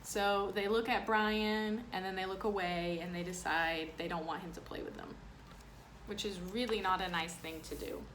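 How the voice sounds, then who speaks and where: Reading a picture book to children like a teacher, a woman stops now and then to explain things simply and plainly for young listeners. Her mid-range voice is fairly even and fairly bright at a normal pace, on a rough recording where background noise is clearly heard.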